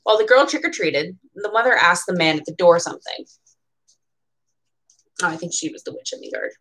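On a low-quality recording, a bookseller in her twenties with an American accent reads a picture book to kids at storytime in a small room at home. She reads expressively with chatty asides, her lowish voice animated, fairly quick and a bit bright.

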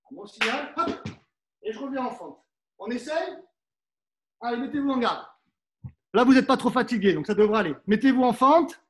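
A man's voice: very high-pitched, lively intonation, normal speed, long pauses. A middle-aged man coaching a live fencing workout class, instructive and coaxing, often adding "hein" as he demonstrates and sometimes moves away from the mic.

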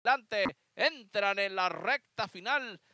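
A man calls horse races live in an excited, driving manner. His voice is high and forceful, recorded dry with no room sound. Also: a little slow, no echo. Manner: excited, driving race-calling. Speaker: horse race commentator. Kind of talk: live race commentary.

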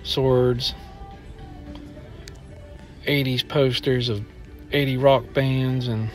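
A middle-aged man walking through an indoor shopping mall with a handheld phone, complaining bluntly as he films. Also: medium pitch. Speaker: vlogger. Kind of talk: walking mall tour vlog.

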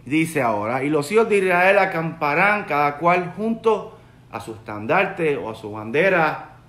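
A man in his forties from Puerto Rico, a rabbi, gives an earnest Torah lesson to a webcam in his bookshelf-lined home study, going back over his key points. His Puerto Rican Spanish-accented voice is fairly high, sing-song and fairly bright, a little slow. The room adds a roomy echo.

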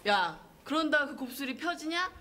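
A woman's voice: high-pitched, animated, moderate pace, pushed and bright, a little hiss or hum. An actress playing a mouthy schoolgirl who mocks a classmate. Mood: mocking. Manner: mocking. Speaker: high school girl.

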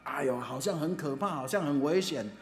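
A man's voice: fairly high pitch, a little fast, soft background music. A man preaching in a chatty storytelling sermon with a Taiwanese Mandarin accent, dropping many filler particles. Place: church hall. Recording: echoey church hall, faint ambience.

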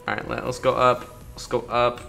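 A gaming YouTuber in a playthrough chatters casually and playfully in slang, addressing the game's characters. His mid-range voice is flat and moderately paced, with vocal fry and a bright, forceful tone, and light video game music plays behind him.

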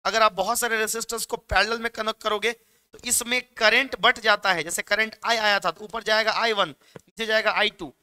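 A man's voice: sits high, steady tone, normal speed, sharp tone, clear, resonant tone. A young man with a Bihari Hindi accent teaching physics exam questions in a chatty, joking classroom manner, mixing in English terms. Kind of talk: exam-prep lecture.

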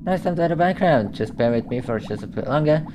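A man's voice: a little high, lively intonation, quick pace, noisy background, close to an everyday voice. A man reading out a posh male seagull who guides players through setting up an aquarium in a game, with a chatty manner. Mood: cheery. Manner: posh, chatty tutorial narration. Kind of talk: reading game dialogue aloud.

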